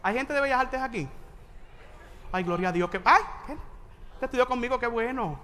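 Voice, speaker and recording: A man with a Puerto Rican accent gives a joking motivational talk to a large audience of teachers. His voice sits very high and sounds bright and forceful. He is animated and breaks into sudden loud exclamations. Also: moderate pace, a little hiss or hum. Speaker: voice teacher and keynote speaker.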